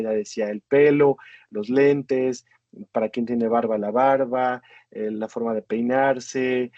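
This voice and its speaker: A man with a Mexican Spanish accent lectures in a halting way, filling pauses and often checking in with a tag question. The recording is dull and muffled. It sounds dry, with no room around the voice. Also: medium pitch, darkish tone, no echo. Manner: hesitant, many fillers and tag questions.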